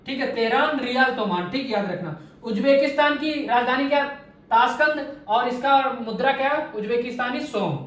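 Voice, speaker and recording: A man's voice: very high-pitched, normal speed, fairly bright tone. A man teaching an exam-prep class, asking quiz questions and answering them himself, drilling each answer by repeating it. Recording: very echoey room, voice far from mic.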